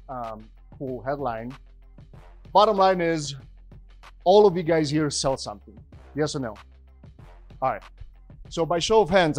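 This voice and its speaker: A Romanian man, a podcast host and business speaker, gives an energetic, conversational talk on stage to a live audience. His voice is a little high, and his delivery builds with rising emphasis.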